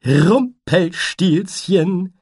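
A man putting on a giddy little butterfly minstrel, lifted high above his husky speaking voice and swooping all over. He draws his phrases out in a playful sing-song, like a storybook character half-singing every line. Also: big pitch swings, slow, heavily acted. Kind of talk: storybook reading.

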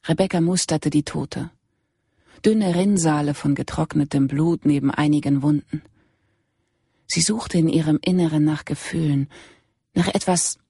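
An audiobook narrator giving a measured, even scripted reading. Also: medium pitch, slightly rough, dry recording, clean studio sound. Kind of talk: scripted narration of a crime novel.

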